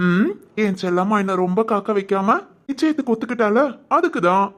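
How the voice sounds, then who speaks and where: A woman voicing an eager young man in love in an animated village family story, with a southern Tamil Nadu accent, speaking affectionately and chuckling often. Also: medium pitch, brisk, lightly acted.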